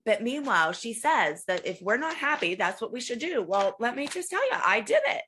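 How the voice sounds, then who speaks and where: Lively woman podcast co-host. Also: a little high, a little fast, a little hiss or hum. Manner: lively, laughs often, frequent agreeing. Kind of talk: casual chat recapping a reality show.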